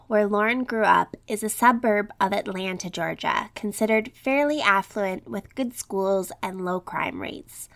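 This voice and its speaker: With a mid-range, slightly bright voice, a true crime podcaster reads from her script, working through quotes and statistics. A lingering illness gives her voice a slight scratchiness.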